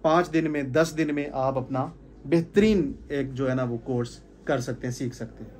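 At a moderate pace and medium pitch, a sales trainer with a somewhat dark tone addresses a small group in an indoor room with curtains; a slight hiss or hum is audible. His informal sales talk is emphatic, with repeated phrases for emphasis and gestures as he goes.

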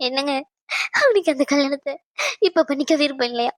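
A soft-hearted middle-aged cartoon mother, voiced by a woman, with a soothing, pleading way of talking. Her voice is fairly high, and the recording is dry and close. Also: lively intonation, brisk, dry recording. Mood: tearful. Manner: soothing, then tearful and pleading. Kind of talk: cartoon drama dubbing.

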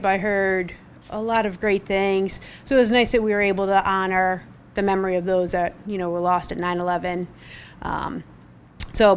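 A middle-aged woman presenting for the parks department gives a chatty, upbeat update at a public board meeting, filling it with fillers as she speaks at a podium gooseneck mic in the council chamber. Her mid-range voice has a fairly bright tone, with slight background noise behind it.

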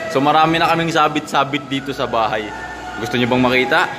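A man with a Filipino accent hosting a comedic vlog, lecturing in a mock-serious way and breaking off with sudden shouted punchlines. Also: medium pitch, fast, noisy background. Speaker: vlogger.

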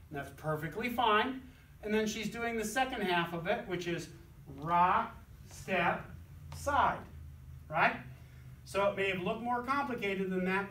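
A man's voice: high voice, bright, forceful tone, echoey room, distant mic, a little hiss or hum. A man teaching a dance lesson, explaining steps and counting them out rhythmically. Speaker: dance instructor.

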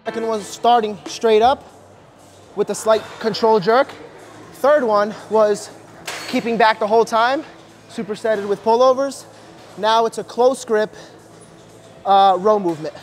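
A personal trainer in his thirties coaches a workout in a large indoor gym, giving brisk instructions and encouragement in a high voice. He's recorded on a lapel mic, with soft background music playing.

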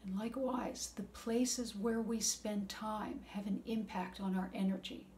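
A woman giving a calm, gentle talk of spiritual advice in a measured, reflective way. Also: medium pitch, slight background noise. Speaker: wellness speaker.

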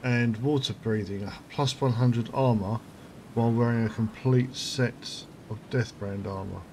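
A man's voice: medium pitch, fairly even intonation, a little slow, a little mellow, slight background noise. A man hosting his gaming channel, chatting casually as he plays and thinking aloud while he reads out item stats. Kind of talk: casual gameplay commentary. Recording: game music clearly behind voice. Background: game music.

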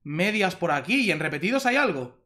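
A young man from Spain with a Spanish accent, doing excited pack opening commentary for his gaming channel, repeating himself and exclaiming at good pulls. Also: high-pitched, a little fast. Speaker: gaming youtuber.

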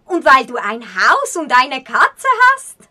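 A woman's voice: sits high, huge pitch swings, sharp tone, exaggerated voice. A woman playing proud blind painter Sabrina. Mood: scornful. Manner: scornful, quick retorts. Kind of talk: acted short-film dialogue.

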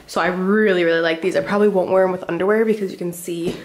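A woman's voice: fairly low pitch, steady tone, fast talker. A young woman in her twenties chatting casually through a clothing try-on, a bit out of breath, filling her talk with "like". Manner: chatty, fillers like "like", upbeat. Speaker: vlogger. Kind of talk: casual try-on haul chat.

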